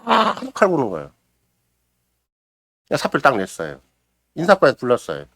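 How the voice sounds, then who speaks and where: Middle-aged male preacher delivering a sermon, hugely expressive pitch, dramatic loud-to-hushed swings, dry close recording. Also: normal speed, creaky, no room sound. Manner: preaches with sweeping swings between loud exclamation and hushed near-whisper; acts out quoted voices and prayers dramatically. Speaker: pastor. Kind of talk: Sunday morning sermon. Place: church sanctuary.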